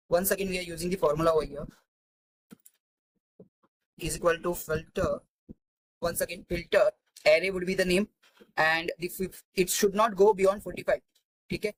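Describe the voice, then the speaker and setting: A man walks through spreadsheet formulas in a screen-recorded tutorial. He talks in a halting, think-aloud way, with frequent fillers and restarted phrases. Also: sits high, no echo, poor audio. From India. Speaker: Excel tutor.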